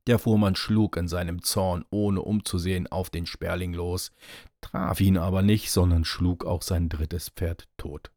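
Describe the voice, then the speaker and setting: A man reading a fairy tale aloud in a steady storytelling manner. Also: low voice, unhurried, dry recording, clean studio sound. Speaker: narrator.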